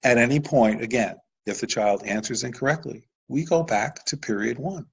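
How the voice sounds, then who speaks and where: A man's voice: mid-range voice, moderate pace, creaky, slightly rough, low-quality recording. A man presenting a live webinar lesson over slides, explaining patiently with occasional "uh"s.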